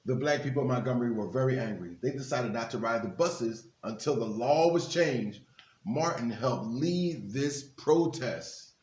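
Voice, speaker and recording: In a reverberant, echoey room, a man with a mid-range, slightly mellow voice and lively intonation reads a children's book at a normal speed. He's the guest reader for a basketball team's literacy program, and he breaks in with relaxed, encouraging asides for the kids.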